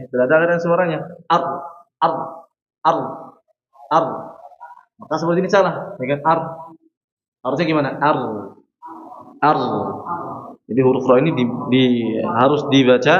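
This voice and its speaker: A man teaching Quran recitation at a mosque study session. He explains step by step, asks questions and answers them himself, and demonstrates each sound. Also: on the high side. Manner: chants sample verses slowly. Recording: roomy, echoey, dull lo-fi mosque recording.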